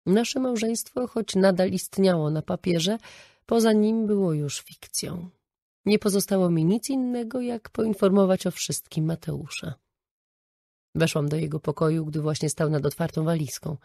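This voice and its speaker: Female audiobook narrator for a first-person novel, measured and reflective, with a dark, gravelly voice. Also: on the low side, no room sound, clean studio sound.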